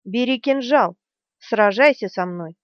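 A woman voicing a shrill fierce warrior woman. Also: animated, normal speed, no echo, lightly acted. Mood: furious desperation. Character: fierce female warrior torturer, desperate. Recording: dry, slightly dull studio sound.

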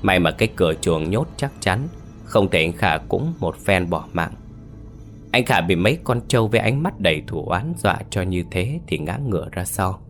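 A man with a very deep voice tells a horror story in a measured, dramatic way. His delivery is steady and scripted, the tone of a practiced storyteller. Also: soft background music.

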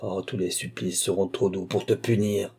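Guy reading as a desperate sorcerer in a storybook, obsessive, chanting his will, low husky voice. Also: fairly even intonation, moderate pace, warm tone, full character voice. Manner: intense, willful incantations.

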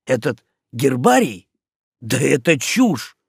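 A man's voice: medium pitch, sing-song, slow, gravelly, slightly rough, no echo, clean studio sound, exaggerated voice. A man voicing a grumpy, skeptical male first mate who grumbles sarcastically. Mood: grumbling.

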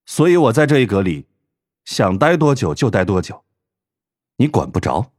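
A man voicing a calm, teasing young man who talks low and slow. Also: no room sound, studio quality.

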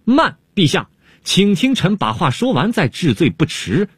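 A male storyteller puts on a sly old-court jester with a husky, lively voice. He draws out his words and teases without hurry. The sound is close and dry. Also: on the low side, moderate pace, dry recording. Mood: pleading.

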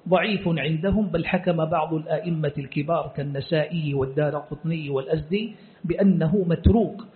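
A man teaching as a scholar, explaining a religious text in a measured, explanatory way. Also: on the high side. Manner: measured, explanatory, quotes sources then comments. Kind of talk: classroom lecture explaining a hadith text. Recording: tinny phone-like lecture recording.

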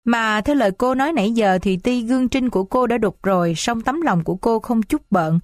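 Woman reading as a gentle principled young man, earnest, formal, fairly high voice, dry close sound. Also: brisk, no echo, natural voice. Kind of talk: audiobook character reading.

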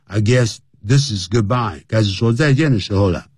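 A man's voice: lowish voice, normal speed, darkish tone, slightly rough, no echo, clean studio sound. A man teaching English phrases in a radio lesson, explaining each one and spelling words out letter by letter.

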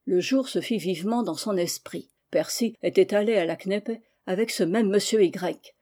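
A woman reading a humorous novel aloud in a steady storytelling manner. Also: mid-range voice, moderate pace. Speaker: audiobook reader.

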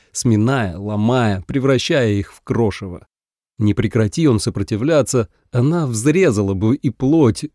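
Man, audiobook narrator, measured storytelling, warm low tone. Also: no echo, clean studio sound. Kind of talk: scripted narration.

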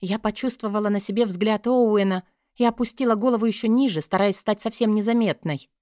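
A woman narrates a first-person fantasy story in an even, measured reading voice, her pitch in the middle range. The recording is close and dry, with no room sound. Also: dry recording. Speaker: audiobook narrator.

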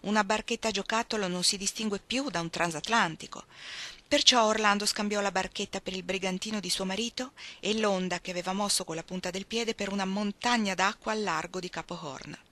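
A woman narrating a novel in a measured, expressive literary reading. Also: mid-range voice. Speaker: reader.

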